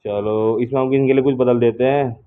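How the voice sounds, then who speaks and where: A man's voice: mid-range voice, fairly even intonation, brisk, smooth. A male primary school teacher leading a classroom math lesson with young children, patient and coaxing, often checking that they understand. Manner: patient, coaxing, asks many check questions. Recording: tinny phone-like classroom recording with faint noise.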